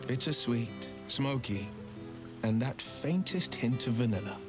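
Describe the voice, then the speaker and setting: A man's voice: mid-range voice, animated, a little slow, close to an everyday voice. An actor playing a devoted male hero companion in a game, speaking tenderly and reflectively. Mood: warm. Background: music.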